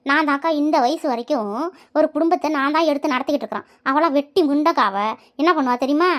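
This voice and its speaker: A shrill, grumbling old widow from a village cartoon, voiced by a woman. She complains endlessly about her daughter-in-law in a nasal, squeaky old voice and scolds whoever is near. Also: fast talker, natural voice. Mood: complaining. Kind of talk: cartoon voice acting.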